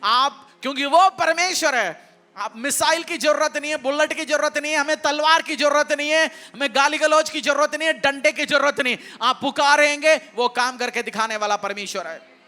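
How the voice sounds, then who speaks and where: A man's voice: very high voice, moderate pace, pushed and bright. A male pastor delivering a fervent, emphatic sermon, mixing in English words.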